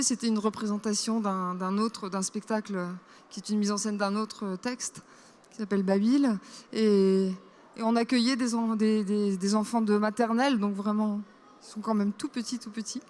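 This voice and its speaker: A woman's voice: mid-range voice, darkish tone, a little hiss or hum. A woman, a playwright, answering an interviewer carefully and correcting her own wording. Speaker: playwright guest.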